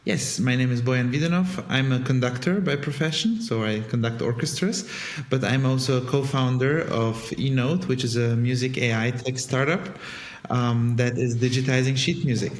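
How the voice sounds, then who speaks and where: A man's voice: mid-range voice, moderate pace. A man who conducts orchestras and co-founded a startup, answering interview questions thoughtfully with frequent ums and restarts. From Bulgaria. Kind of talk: conversational interview. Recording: roomy echo.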